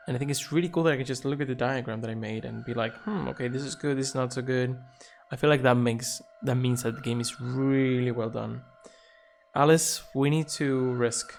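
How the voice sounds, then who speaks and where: A man streaming a video game live, reasoning through his choices out loud with playful, jokey asides. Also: medium pitch, vocal fry. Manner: thinks aloud, reasoning things through. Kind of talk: live gameplay commentary.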